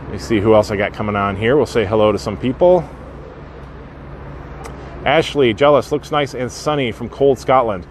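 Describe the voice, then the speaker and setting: Here a man with a mid-range voice moves at a moderate pace with long pauses, and a little hiss or hum sits under the recording. He's live-streaming a casual walk through a theme park's outdoor walkway, naming viewers as he greets them, filling gaps with fillers, slightly sniffly from a sinus infection.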